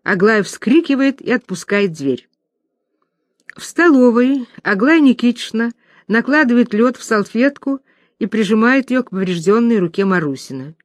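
A woman reading a play aloud, giving the stage directions in an even, clear narrating voice. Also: fairly high pitch, moderate pace, no room sound, studio quality. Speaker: reader.

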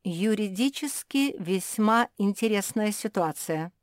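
A woman's voice: medium pitch, lively intonation, unhurried, no echo, clean studio sound, voice pushed up, natural voice. A woman voicing a learned, courtly male pug dog who speaks formally and gallantly. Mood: thoughtful.

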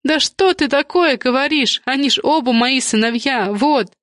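A woman's voice: high voice, normal speed, fairly bright tone, no room sound, clean studio sound, pitched above the performer's own voice. A woman voicing a frantic middle-aged mother and manager, pleading and bewildered, near tears, in a raised voice.

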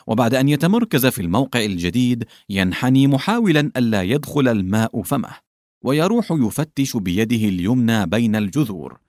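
A man narrating a literary short story in an expressive, measured reading style. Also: medium pitch, no echo, clean studio sound.

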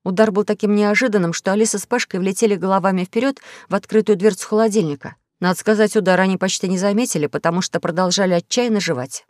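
A woman narrating a children's audiobook in a lively storytelling manner at a close studio mic. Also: medium pitch, fast, hardly any pauses, no room sound. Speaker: audiobook reader. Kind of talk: scripted narration.

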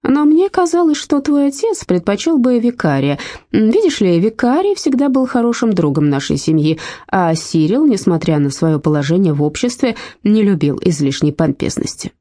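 Woman reading rude 86-year-old woman, blunt, cutting, dark husky tone, dry sound. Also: mid-range voice, big pitch swings, moderate pace, no echo, voice pushed up, lightly acted.

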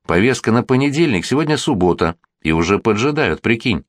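A man's voice: mid-range voice, very animated, brisk, dry recording, studio quality, close to an everyday voice. A man reading the lines of a chattering, plaintive woman artist in an audiobook, rambling and repeating herself.

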